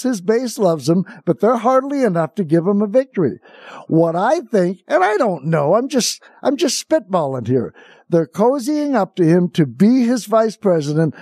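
A male talk radio host with a high-set but mellow voice. He rants with comic exasperation and disbelief, wandering into asides and rhetorical questions. The sound is dry, with no room echo. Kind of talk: political talk radio monologue, off the cuff.

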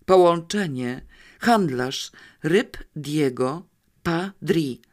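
A woman voicing a dying man who slowly and desperately gasps out a coded message in an audiobook. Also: low-pitched, animated, darkish tone, exaggerated voice. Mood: desperate, gasping. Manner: slow, strained, desperate gasping. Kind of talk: audiobook reading.

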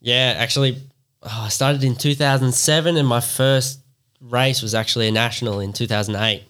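A man's voice: mid-range voice, steady tone, normal speed, a bit bright. A young Australian man, a motocross racer, chatting casually as a podcast guest in a laid-back, slangy way. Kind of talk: casual interview chat. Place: podcast studio.

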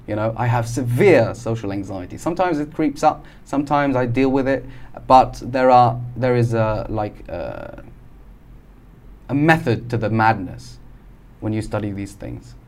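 A man's voice: medium pitch, expressive, unhurried, darkish tone. A man from Algeria, a podcast guest, explaining ideas in casual conversation with many fillers and restarts.

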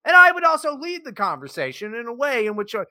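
Animated, bright-voiced young man co-hosting. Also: very high voice, dry recording, clean studio sound. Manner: animated, swearing, quick to joke. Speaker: podcast co-host. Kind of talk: casual profane chat.

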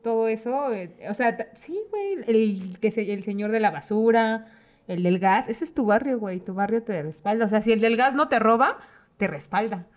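A woman's voice: fairly high pitch, lively intonation, normal speed. A young woman from the Mexico City area with a Mexico City accent, chatting casually and laughing often as a co-host. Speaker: podcast co-host. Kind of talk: casual chat.

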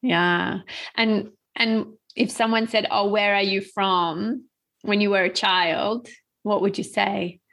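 A woman's voice: medium pitch, steady tone, takes it slowly, vocal fry, a bit bright. A woman co-hosting a podcast, chatting casually and asking questions in a friendly way, laughing often. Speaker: podcast co-host. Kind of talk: casual interview chat.

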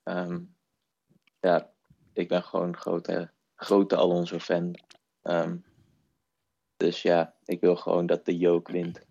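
Very deep, gravelly podcast co-host, teasing, dry and dull amateur sound. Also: male voice, completely flat delivery, slow pace, pauses often, warm tone, no room sound. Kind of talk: casual chat.

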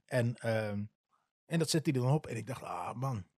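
A man in his forties from the eastern Netherlands speaks in a relaxed, conversational way. He often pauses on filler sounds while he gathers his thoughts, and his voice sits at an ordinary middle pitch. The recording is dry, with almost no room sound. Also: dry recording. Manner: candid, hesitant, with many filler sounds. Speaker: football club supporter. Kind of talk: casual spoken storytelling.

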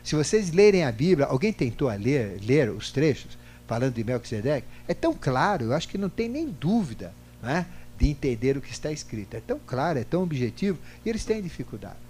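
An older man teaching a spiritual class, animated, asking rhetorical questions and acting out both sides of a past argument. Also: mid-range voice, a little fast, hardly any pauses. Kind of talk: lecture to a class. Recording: faint hum, digitized from CD.

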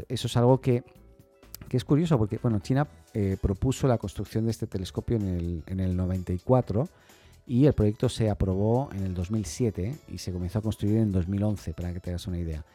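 Low, dark-voiced male host, chatty tech news, faint music underneath. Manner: chatty, many fillers and restarts. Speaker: podcast host. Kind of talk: casual tech news commentary.

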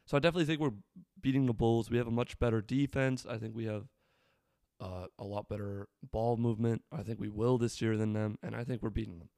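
A man's voice: on the low side, fairly even intonation, quick pace, dark tone, no room sound, clean studio sound. Casual man with a slightly weathered voice. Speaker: sports fan commentator. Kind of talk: casual solo sports commentary.

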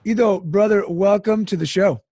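A man's voice: high voice, moderate pace, dark tone, no echo. A male podcast host talking in an upbeat, salesy way and often tagging lines with "right?". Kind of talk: casual podcast talk with ad read.

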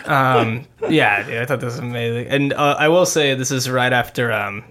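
A man's voice: mid-range voice, normal speed, sharp tone. A man in his thirties co-hosting a podcast, chatting casually in an enthusiastic, rambling way. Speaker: podcast co-host. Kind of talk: casual chat.

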